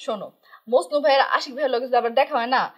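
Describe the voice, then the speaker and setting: An actress playing a feisty, sharp-tongued young village woman. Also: sits high, rapid-fire, lo-fi sound. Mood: soothing. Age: young adult. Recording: background music.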